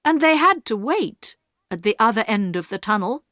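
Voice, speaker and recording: A woman narrating a story in slow, clearly paced English for learners. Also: a little high, big pitch swings, a bit bright, no room sound, studio quality. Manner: clear, carefully paced reading.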